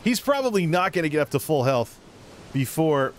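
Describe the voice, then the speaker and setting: A man's voice: a little high, very animated, normal speed, a little hiss or hum. Man rambling through casual gameplay commentary. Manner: rambling, thinking aloud. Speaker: gaming video creator.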